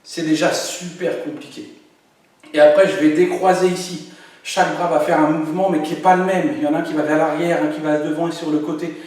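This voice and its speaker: A man's voice: on the high side, little pitch movement, fairly quick, a little mellow. A man teaching an online karate class, explaining moves and counting out drills for his students. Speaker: karate instructor. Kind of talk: online workout class instruction. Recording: very echoey room, voice from far off.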